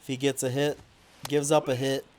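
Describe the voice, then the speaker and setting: A man giving casual play-by-play commentary over his video game, mostly relaxed and now and then complaining loudly about calls. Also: medium pitch, normal speed, slight background noise. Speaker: gaming YouTuber.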